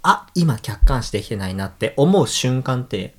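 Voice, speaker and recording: A man's voice: mid-range voice, big pitch swings, moderate pace. A man co-hosting a casual podcast chat, asking polite questions and answering with short nods. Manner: polite, attentive, short listener replies.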